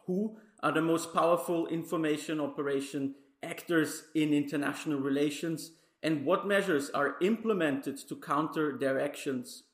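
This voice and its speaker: A male podcast host reads a scripted introduction in a formal, measured way. His voice sits a little higher than most men's. The recording has a noticeable room echo around it. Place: Brussels. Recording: roomy echo.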